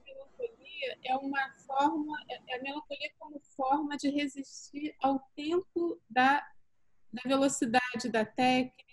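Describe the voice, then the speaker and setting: A woman's voice: high voice, fairly even intonation, a little slow, no echo, low-quality recording. A woman, an artist and academic, speaks thoughtfully and searches for her words as her call audio glitches and cuts in and out. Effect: glitchy audio cutting in and out. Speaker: artist and academic, interview guest. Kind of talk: reflective casual conversation.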